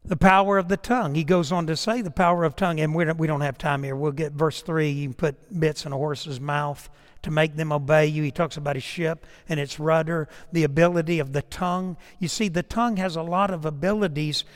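A man preaching a sermon in a conversational storytelling way, swinging between raised emphasis and quiet asides. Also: on the high side, steady tone, brisk, in a large hall. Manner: conversational storytelling preaching, rising and dropping to a hush.

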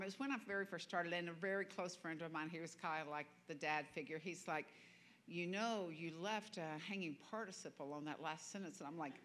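A woman from the American South, speaking with a Southern accent, preaches as a guest minister in a church sanctuary. Her voice is on the low side with a fairly bright tone. She delivers her sermon chattily, poking fun at herself and laughing often.

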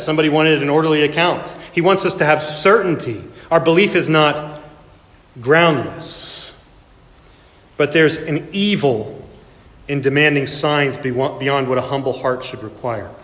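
A pastor preaching an emphatic sermon with dramatic pauses, in a church sanctuary. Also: male voice, on the high side, fairly bright tone. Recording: echoey hall with long reverb.

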